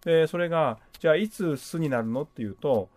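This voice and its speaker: A man's voice: on the high side, brisk, darkish tone. A middle-aged man, an English teacher, patiently explaining pronunciation on a radio show, with many fillers.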